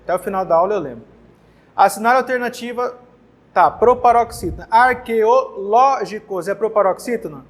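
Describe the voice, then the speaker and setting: Brazilian guy teaching grammar at a whiteboard, highish voice, chatty, keeps saying "tá?". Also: normal speed. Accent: Brazilian Portuguese. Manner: casual, repeats words and checks in with "tá?". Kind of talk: exam-prep grammar lesson. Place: classroom with whiteboard.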